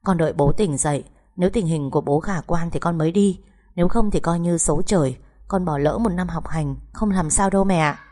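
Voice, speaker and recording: A woman's voice: fairly low pitch, brisk, mellow, lightly acted. A woman reading as a worried student daughter. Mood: worried, pleading. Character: anxious teenage daughter preparing for university exams.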